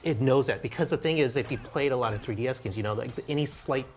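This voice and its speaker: A man's voice: mid-range voice, fast, soft background music. A man, co-hosting a laid-back podcast. He talks with eager enthusiasm, reminiscing freely. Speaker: podcast co-host. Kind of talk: casual chat.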